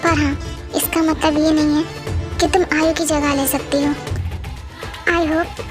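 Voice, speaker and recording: A woman's voice: high voice, flat delivery, measured pace. A woman voicing a cold, curt young widowed husband in a dramatic fan story reading, with a stern, clipped delivery. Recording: soft music behind.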